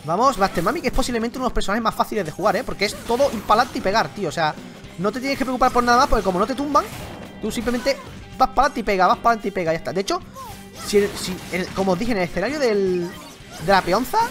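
A young man with a Spain Spanish accent giving excitable, slangy live commentary while playing a fighting game and chatting to his viewers. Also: high-pitched, fast. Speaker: gaming YouTuber. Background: game music.

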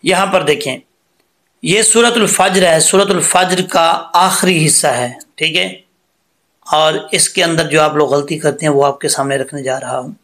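High, gravelly-voiced man teaching recitation. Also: normal speed, fairly bright tone. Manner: patient explainer who often checks in with "okay"; repeats and corrects points as he goes. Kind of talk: explaining tajweed pronunciation step by step.

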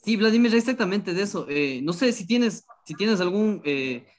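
A man's voice: high voice, lively intonation, moderate pace. A man, a student asking curious, enthusiastic questions in an online class over a video call.

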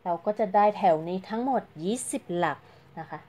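A woman's voice: mid-range voice, lively intonation, fairly quick, dark tone. A woman giving a casual, chatty crochet tutorial, counting stitches aloud and explaining each step politely. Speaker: crochet teacher.

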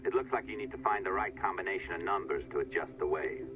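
A secretive hacker voiced by a man speaks through a communicator, smooth and sly as he hands out instructions. His voice sits very low. The game audio sounds dull and lo-fi. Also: fast, over music, lightly acted.

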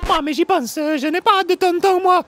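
A man playing a melodramatic, exclamatory Italian plumber with an Italian accent in an animated game parody. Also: extremely high pitch, moderate pace, loud music behind the voice. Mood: astonished. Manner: exclamatory, theatrical.

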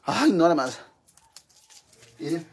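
Calling her audience sisters, a middle-aged woman with a Mexican Spanish accent hosts a crude, joking live-stream cooking chat in her home kitchen. Her voice sits low, very animated yet slow, with a little hiss or hum.

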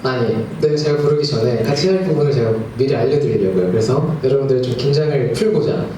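A man's voice: mid-range voice, quick pace, dark tone, a little hiss or hum. A man in his thirties, a singer-songwriter talking in a friendly, slightly nervous way with his audience between songs. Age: 30s. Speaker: singer-songwriter performing live. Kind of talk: stage banter between songs. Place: small live music club. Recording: echoey live club, distant mic, music behind.

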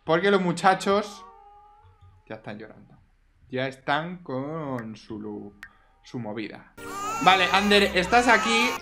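Excitable gaming commentator. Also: male voice, fairly high pitch, slow, pauses often, over music. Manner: expressive, exclaiming, scolding his game characters. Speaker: gaming YouTuber. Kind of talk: Sims let's play commentary.

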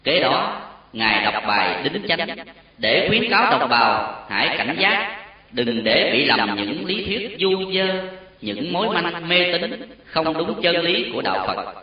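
A man narrating a solemn story with an expressive, emotional delivery. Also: on the high side, a little slow. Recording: very echoey, distant, dull lo-fi sound.

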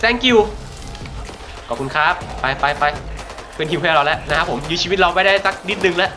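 A man streaming a zombie shooter game, reacting fast and excitedly and repeating his words, with swearing now and then. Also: high voice. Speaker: gaming streamer. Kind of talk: excited live commentary while playing. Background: game music and gunfire.

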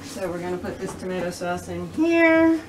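In her own kitchen, a middle-aged woman cooks and chats her way through each step of a relaxed home cooking show. Her fairly low voice has a sing-song lilt at normal speed. Recorded on a distant camera mic a few feet away, the audio carries background noise and kitchen clatter.

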